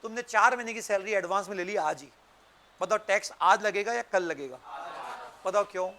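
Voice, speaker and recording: A man's voice: high voice, fairly quick, bright, forceful tone. A male teacher giving an interactive lecture, often putting short questions to his students. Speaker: accountancy and tax teacher.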